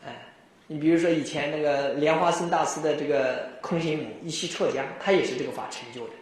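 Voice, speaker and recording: High-voiced man giving an echoey dharma talk. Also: fast talker. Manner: animated storytelling, frequent chuckles. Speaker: Buddhist teacher. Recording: very echoey room.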